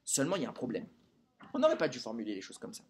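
A man's voice: mid-range voice, huge pitch swings, rapid-fire, darkish tone, a little hiss or hum. A man teaching a Torah lesson to a group, keeping listeners engaged with frequent rhetorical questions.

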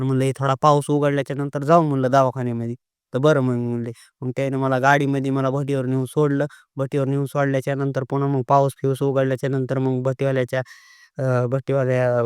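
A man's voice: medium pitch, clean tone, dry recording, clean studio sound. A man, telling a story at length in a casual vlog, circling back and repeating himself. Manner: rambling and repetitive, retelling events with many restarts. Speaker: vlogger.

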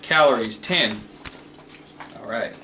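A man's voice: mid-range voice, slow pace, background noise. A man, a dad hosting a casual taste-test vlog, joking and reacting playfully as he talks.

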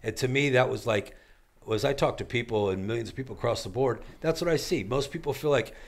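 A man talking as an author and life coach guest, with an energetic, preacher-like delivery and punchy repeated phrases. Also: medium pitch, fast talker, creaky. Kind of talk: motivational interview talk.

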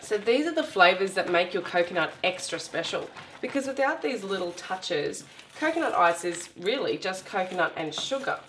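A woman's voice: mid-range voice, big pitch swings, normal speed, hardly any pauses, a bit bright, reverberant, a little hiss or hum. A woman, hosting a cooking demonstration in her home kitchen and explaining each step in a chatty, instructive way. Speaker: cooking show host.

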